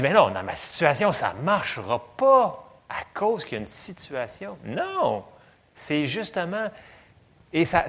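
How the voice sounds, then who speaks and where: A man with a Quebec French accent preaching a sermon, conversational and animated, with sudden loud bursts. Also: on the high side. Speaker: pastor.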